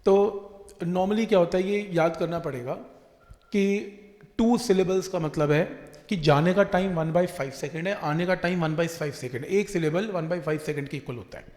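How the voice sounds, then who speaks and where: A man's voice: a little high, moderate pace, a little mellow. Echoey man teaching physics step by step. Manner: explains step by step, repeating key points. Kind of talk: exam-prep physics lesson. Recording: echoey room with long reverb.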